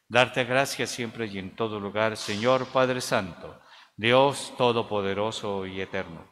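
Older male priest, liturgical recitation, forceful bright tone, long cathedral echo. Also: mid-range voice. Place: large church, at the altar. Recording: long cathedral echo, faint background noise.

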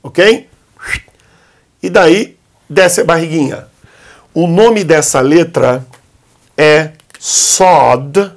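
A man whose first language is Arabic, teaching letters at a whiteboard in a classroom. His voice sits a little high for a man, and his delivery is patient and coaxing. He slows right down to say each sound clearly. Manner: patient, coaxing, repeats sounds slowly for the learner. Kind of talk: whiteboard alphabet lesson.

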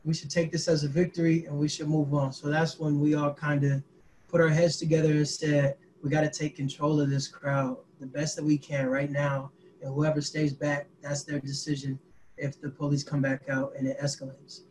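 A man in his twenties, a youth activist, recounting events on a video call in a halting way with many fillers. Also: fairly high pitch, flat delivery, darkish tone, slight background noise, poor audio. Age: 20s. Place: small indoor room. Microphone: laptop webcam mic, group on one call.

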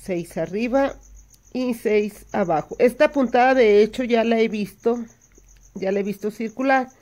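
A woman's voice: a little high, a little slow, darkish tone. A woman teaching hand embroidery step by step, patiently counting stitches aloud and checking in with her listeners. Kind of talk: step-by-step craft tutorial.

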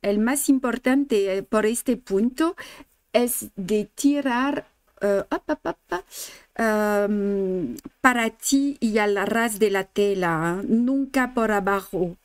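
Slow, patient embroidery teacher, a woman. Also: mid-range voice, no room sound. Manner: patient step-by-step instructions with many fillers; chatty, greets and answers viewers' comments. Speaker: embroidery teacher hosting a live stream. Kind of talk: live craft demonstration, switching languages.

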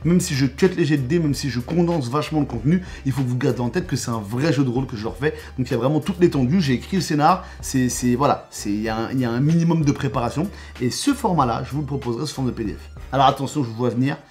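A man's voice: medium pitch, quick pace, hardly any pauses, a little mellow. A man hosting his own tabletop gaming channel, running through upcoming plans in a casual update. He talks with eager enthusiasm, often restarting his phrases. Faint music plays behind him. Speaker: YouTube host and game master.

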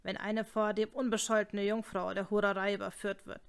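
A woman reading the lines of a cold, merciless male scholar in an audiobook, speaking quietly and with icy command. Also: mid-range voice, flat delivery, brisk, vocal fry, clean tone, lightly acted.

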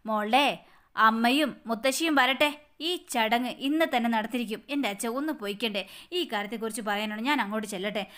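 A woman's voice: a little high, quick pace, a bit bright, lightly acted. A woman voicing a confident middle-aged man who coaxes and reassures his family. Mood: reassuring. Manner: coaxing, reassuring.

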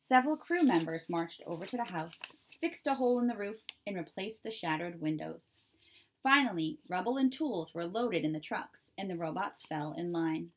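A woman reading a children's chapter book aloud in a clear, steady storytelling manner. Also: on the low side, moderate pace. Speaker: reader.

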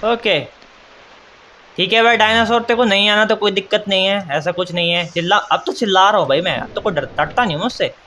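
A young man giving casual gameplay commentary as a gaming YouTuber, playful, teasing and excitable. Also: high-pitched, a little fast, a little hiss or hum.

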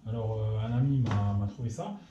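A man hosting his own workshop channel, explaining machining in a casual technical tutorial, often pausing with fillers. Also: fairly low pitch, lo-fi sound, music in the background. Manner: hesitant, many filler pauses. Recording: roomy echo.

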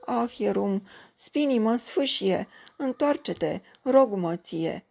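A woman reading a fairy tale aloud, voicing a frightened young wife who pleads slowly for mercy. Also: mid-range voice, animated, vocal fry, darkish tone. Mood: pleading.

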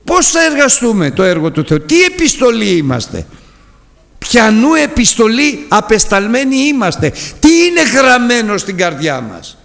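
A man's voice: very high voice, big pitch swings, vocal fry, fairly bright tone, big-room sound. A man preaching a sermon in a church, exhorting his listeners with impassioned, repeated appeals.

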